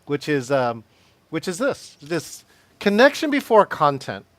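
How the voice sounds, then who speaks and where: Presenting a live training session on virtual meetings over video call, this man is energetic, laughs frequently and addresses attendees by name. His voice sits on the high side, at a measured pace with no room sound.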